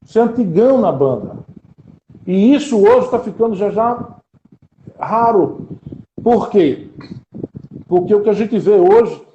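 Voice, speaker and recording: High-voiced man, rhetorical and earnest. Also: expressive, measured pace, pauses often, warm tone, echoey room, muffled recording, slight background noise. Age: 40s. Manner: earnest, asks rhetorical questions. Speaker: interviewer and podcast host. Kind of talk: live-streamed interview.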